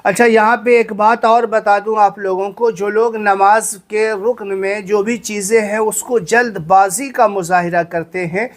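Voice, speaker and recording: A man teaching a prayer recitation, chanting it slowly and drawn out, then correcting pronunciation in quicker spoken asides. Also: sits high, steady tone. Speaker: religious teacher. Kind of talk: recitation lesson.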